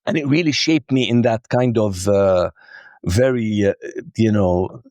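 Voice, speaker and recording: A man around fifty, raised in Kuwait, speaking as an interview guest and telling his story in an outspoken, animated way with many fillers. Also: on the low side, a little slow, dry recording. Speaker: guest, film producer. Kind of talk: casual interview conversation.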